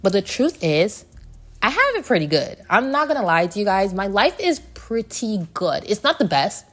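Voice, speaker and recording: A woman's voice: mid-range voice, big pitch swings, normal speed, a bit bright. A woman hosting a casual, reflective solo podcast, speaking candidly and conversationally, with slightly muffled articulation from braces. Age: adult. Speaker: podcast host.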